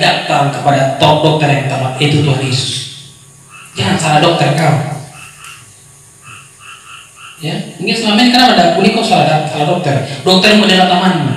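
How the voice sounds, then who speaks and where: A man preaching a sermon at a youth church service, animated, asking rhetorical questions and acting out scolding voices. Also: high voice. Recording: echoey hall, far from mic, faint noise.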